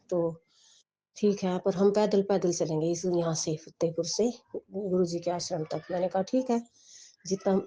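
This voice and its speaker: A woman's voice: lowish voice, warm tone, slightly rough, highs cut off. A woman telling the congregation a personal devotional story, rambling, with restarts and quoted dialogue. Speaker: devotee sharing a testimony. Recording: home phone voice recording.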